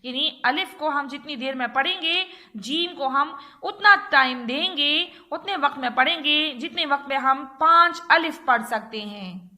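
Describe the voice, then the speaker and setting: High bright woman teacher, pakistani urdu accent, patient, slow letter drills for little kids. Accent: Urdu-speaking Pakistani. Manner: patient, repeats "theek hai" often, drills letters slowly. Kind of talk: recorded online class lesson.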